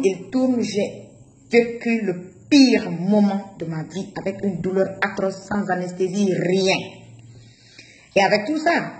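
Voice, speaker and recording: Woman, emotional personal testimony, repeats herself, roomy echo, faint background noise. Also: on the low side. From Guinea. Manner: emotional, repeats "je dis" and stumbles over words. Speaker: interviewee recounting her own childbirth.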